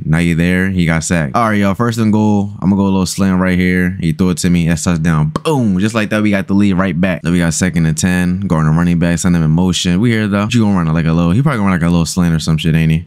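A man's voice: sits low, clear, resonant tone, no echo, clean studio sound. A young man doing casual, slangy, profane gameplay commentary, his speech slightly altered by a retainer in his mouth. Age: young adult. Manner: slangy, profane trash talk. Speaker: gaming streamer. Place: small indoor room at home.

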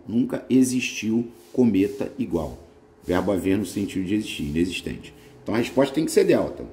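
Animated Brazilian man teaching grammar. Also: mid-range voice. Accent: Brazilian Portuguese. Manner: animated, often checks in with "né?" and "tá?". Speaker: exam prep teacher. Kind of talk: lively grammar quiz walkthrough.

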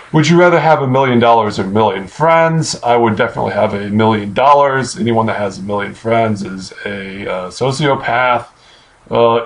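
An American man in his late twenties answers questions off the cuff in a halting, casual way, thinking aloud into a computer mic in a bedroom. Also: medium pitch. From Missouri, United States. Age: late 20s. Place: small bedroom, indoors. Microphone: webcam or computer mic at arm's length.

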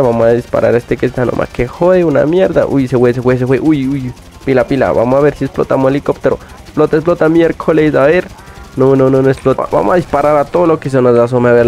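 Excitable young man yelping through gameplay. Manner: excitable, yelps "uy" constantly, laughs often, voice jumps high when startled. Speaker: gaming youtuber.

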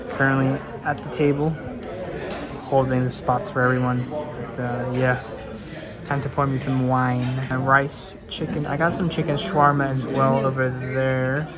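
A man's voice: mid-range voice, level tone, normal speed. A young man narrating a casual travel vlog in a loose, chatty way, with lots of fillers and self-corrections. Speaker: travel vlogger. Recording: busy crowd noise around him.

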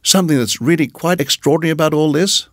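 A man's voice: on the high side, quick pace, no echo, studio quality, pitched above the performer's own voice. A man voicing a polite young male lodger in an audiobook, musing and earnest, a little hesitant. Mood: earnest, searching. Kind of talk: audiobook character voice.

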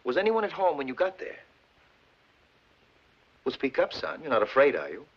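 An actor playing a courtroom attorney who questions a witness in a measured, coaxing way, in a 1940s film drama. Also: male voice, medium pitch, huge pitch swings, breathy edge. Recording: dull old film soundtrack.

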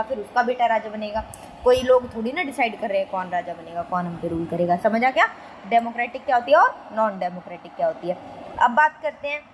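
High-voiced young woman teaching casually. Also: a little hiss or hum, rough recording. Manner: conversational, asks rhetorical questions; reads English quotes slowly. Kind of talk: casual explaining lesson.

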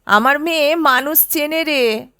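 A woman's voice: sits high, measured pace, bright, forceful tone, no echo, studio quality. A woman voicing a playful, sly young wife. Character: playful young housewife, quick-witted.

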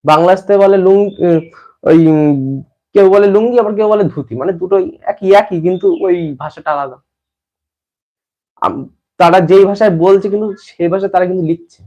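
A man's voice: high-pitched, brisk, pauses often, a little mellow, lo-fi sound. A man from West Bengal teaching an exam-prep lesson to students. He often repeats phrases and restarts as he explains.

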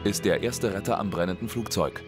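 A man's voice: deep voice, fairly quick. A man narrating a dubbed disaster documentary in a dramatic, suspenseful studio voice-over. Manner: suspenseful, building tension with questions. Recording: clear music under voice. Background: music and sirens.

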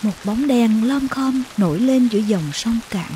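Female narrator, warm dark tone, gentle literary storytelling, light rain noise in the background. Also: on the high side, animated. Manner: slow, tender storytelling with emotional acted quotes. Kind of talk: scripted audiobook narration.

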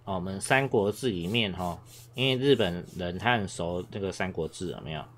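A man from Taiwan gives a relaxed Japanese lesson in a low voice, speaking fairly quickly. He's chatty and rambling, repeats himself, fills gaps with lots of little sounds and coughs now and then. A steady noise and keyboard clicks run underneath.

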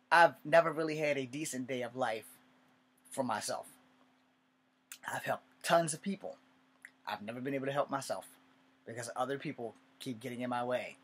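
A husky, medium-pitched male vlogger in his 40s, about to turn fifty, delivers a casual monologue to his webcam from a cluttered bedroom. He's wry and sarcastic and swears now and then, and the webcam picks him up from desk distance.

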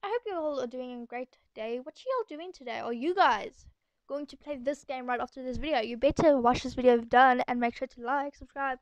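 This is a casual game commentary voiceover from a young girl hosting the video, chatty and wandering in her talk. Her voice sits high, and despite the echoey home room, the recording is dry and muffled. She's dealing with a sore throat.

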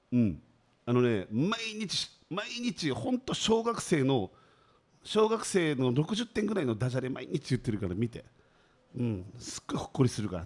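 A man's voice: medium pitch, darkish tone. A man, hosting a casual comedy radio talk in a sardonic, self-mocking, grumbling way. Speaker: radio show host. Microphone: studio microphone.

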